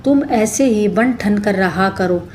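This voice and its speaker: Woman narrator voicing a middle-aged family man, earnest, mid-pitched, lightly put on. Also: slow, a little mellow, a little hiss or hum, natural voice. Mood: fond. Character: grieving then loving husband, middle-aged man.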